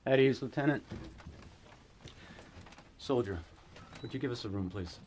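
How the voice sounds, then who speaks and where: An actor playing a weary cavalry fort commander in a western film, giving measured, authoritative orders. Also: male voice, mid-range voice, darkish tone, a little hiss or hum, natural voice. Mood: stern. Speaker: army post commander.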